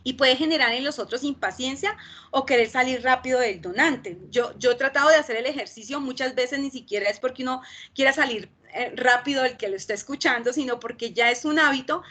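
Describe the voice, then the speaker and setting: A woman with a Colombian Spanish accent giving a training lecture, talking fast and checking in with her listeners. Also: high voice, bright, forceful tone. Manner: talks fast with frequent "¿sí?" check-ins.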